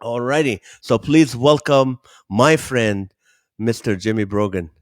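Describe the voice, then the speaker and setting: A man's voice: medium pitch, a little slow, no echo, studio quality. A man hosting a podcast, introducing his guest and chatting casually, eager and repeating points for emphasis. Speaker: podcast host. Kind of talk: casual interview chat.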